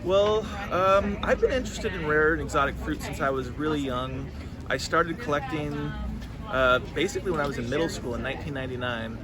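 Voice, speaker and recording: Traffic and street sounds fill the background as a man in his thirties, a farmer from California, earnestly answers an interviewer at a farmers market, with many restarts. His voice sits fairly high and moves a little fast.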